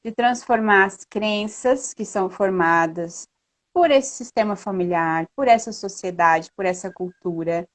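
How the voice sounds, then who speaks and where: A woman guest in a casual live chat, earnest and lively, often tagging her sentences with a questioning "né?". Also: medium pitch, a little slow. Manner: earnest, lively storytelling with frequent "né?".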